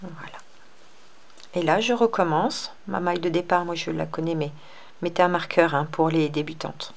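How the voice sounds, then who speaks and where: A woman hosting a crochet tutorial, explaining step by step in an unhurried, hesitant way with many fillers. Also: fairly low pitch, fairly even intonation, creaky. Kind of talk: casual spoken tutorial.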